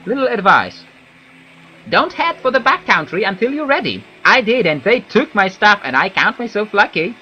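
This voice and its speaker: A man's voice: sits high, big pitch swings, normal speed, bright, forceful tone, dull audio, voice pushed up, heavily acted. A man voicing a chatty, nervous wood elf commoner from a video game in a perky, gossipy christmas elf manner. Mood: warning, gossipy. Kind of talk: video game character read aloud.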